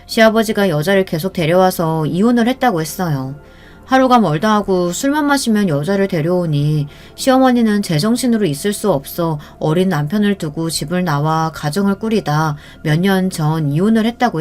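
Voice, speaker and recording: A woman's voice: lowish voice, animated, normal speed, darkish tone. A woman telling a first-person story in a conversational, complaining tone. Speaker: story narrator. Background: faint background music.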